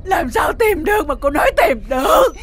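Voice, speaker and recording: A frantic old grandmother wails and scolds in a high, piercing voice. Her bossy film-drama lines sit over a clear musical score. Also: expressive, normal speed, soft background music. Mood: wailing despair. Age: older. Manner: wailing, scolding.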